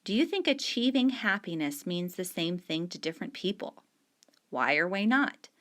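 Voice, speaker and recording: A middle-aged female teacher patiently walks students through discussion questions, stressing key words while marking up the page on screen with a pen. Her voice is on the low side and sing-song, at normal speed with a fairly bright tone.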